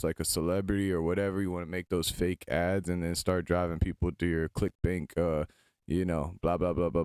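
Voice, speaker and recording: A man's voice: low voice, a little mellow, smooth, no room sound. A man hosting a screen-recorded tutorial, chatting informally as he gives step-by-step instructions into a close mic. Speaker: tutorial host.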